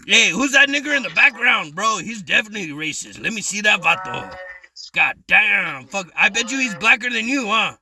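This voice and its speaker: A man's voice: high voice, animated, normal speed, bright, forceful tone. A young man taunting others in an online voice chat, mocking and provocative. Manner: taunting, mocking, repeats "bro" constantly.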